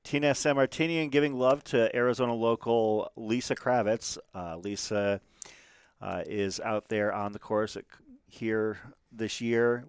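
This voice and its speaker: A man's voice: on the low side, clear, resonant tone, no echo. A man doing casual live commentary on a race stream, chatty and rambling, with lots of fillers and restarts.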